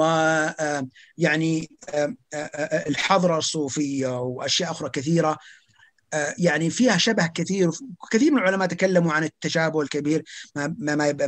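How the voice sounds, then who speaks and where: Guy on a podcast, talks super fast, high voice, keeps restarting words, pushy rhetorical questions. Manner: emphatic, rhetorical, stumbling restarts. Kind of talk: podcast conversation.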